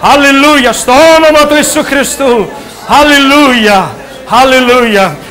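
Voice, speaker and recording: A man preaching an impassioned sermon in church, shouting exclamations and chanting repeated refrains. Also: very high-pitched. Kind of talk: fervent sermon.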